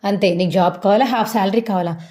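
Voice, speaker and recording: A woman voicing a stern male hospital owner who scolds his staff in brisk questions. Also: medium pitch, mellow, close to an everyday voice. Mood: firm.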